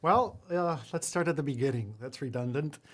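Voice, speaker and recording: A Puerto Rican lawyer and entrepreneur in his forties, whose first language is Spanish, chats casually as an interview guest. His voice is fairly high-pitched and moderately paced, and he rambles through stories full of fillers and self-deprecating asides.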